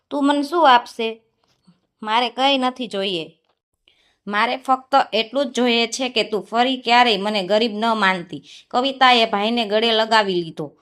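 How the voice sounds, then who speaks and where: A woman reading an emotional village story aloud, gently voicing every part herself. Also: on the high side. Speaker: narrator. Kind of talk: storybook narration.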